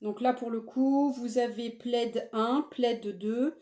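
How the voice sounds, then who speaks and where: A woman's voice: on the high side, fairly even intonation, slow, warm tone. A middle-aged woman chatting enthusiastically to camera about knitting, with frequent fillers and restarts. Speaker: knitting podcaster. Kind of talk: casual chat to camera.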